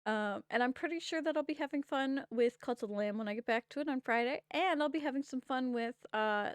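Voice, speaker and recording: A woman's voice: medium pitch, dry recording, clean studio sound. A woman game streamer wrapping up her stream, bubbly, enthusiastic and rambling at a desk mic. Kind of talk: casual stream wrap-up chat.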